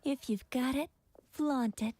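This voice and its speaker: Coy, mellow-voiced flirtatious woman. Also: sits high, unhurried, no room sound. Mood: amused, flirtatious. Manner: coy, drawling, teasing. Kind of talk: anime video game character acting. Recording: music behind the voice.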